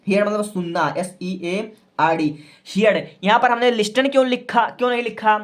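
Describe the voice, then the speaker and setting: A man's voice: sits high, fairly bright tone. A male teacher giving a spoken grammar lesson to students. He is patient and repeats himself often, spells words out letter by letter, and keeps checking in with the class.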